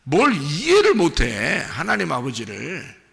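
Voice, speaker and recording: Gravelly, animated male preacher in a reverberant church. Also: a little high, measured pace. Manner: emphatic preaching, swings from hushed to shouted. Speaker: pastor. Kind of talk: sermon. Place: church sanctuary.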